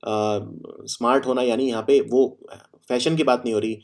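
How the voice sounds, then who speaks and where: A man teaching vocabulary. He explains each word through everyday examples, repeats key phrases, and reads the example sentences slowly and deliberately. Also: medium pitch, fairly even intonation. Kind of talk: Hindi-English vocabulary lesson.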